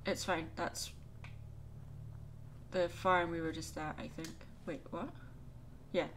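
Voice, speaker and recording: She hosts gameplay videos, chatting easily and letting out exclamations whenever something startles her. Her voice sits lowish and level, slow and a bit bright, over a faint hiss or hum.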